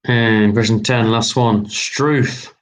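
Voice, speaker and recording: A man hosting a live online quiz, reading out each question slowly and repeating every term. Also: lowish voice, steady tone, low-quality recording. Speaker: quiz host.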